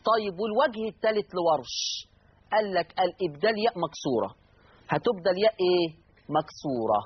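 Fast-talking husky Egyptian recitation teacher. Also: male voice, high voice, animated, dull audio. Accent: Egyptian Arabic. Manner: repeats each rule, shifting into slow drawn-out recitation of verse words. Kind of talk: explanatory lesson on Quran reading rules.

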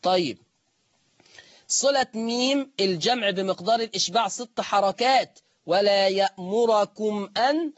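Man, Egyptian accent, recitation teacher, high voice, dry close sound. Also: no room sound, lo-fi sound. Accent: Egyptian Arabic. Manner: explains step by step in colloquial speech, chants recitation examples slowly. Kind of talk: lesson on the reading of Warsh.

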